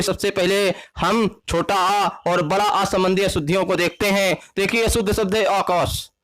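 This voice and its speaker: A man teaching an online grammar lesson. He repeats key points and often asks a question, then answers it slowly. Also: high voice, fairly bright tone.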